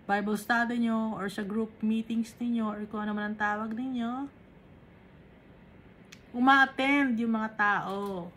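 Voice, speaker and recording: Slow, emphatic woman preaching. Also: mid-range voice, fairly bright tone, a little hiss or hum, low-quality recording. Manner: reads verses in English, explains in Taglish; slow, emphatic, rises sharply on key contrasts. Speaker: Bible teacher. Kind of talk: Bible study sermon.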